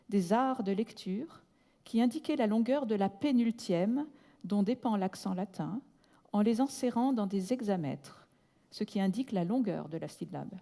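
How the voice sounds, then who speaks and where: A woman's voice: medium pitch, dark tone. Woman reading a lecture in a reverberant hall. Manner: measured, deliberate, slows to spell out terms; breaks off with brief asides in English. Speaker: conference speaker. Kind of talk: reading a prepared academic lecture.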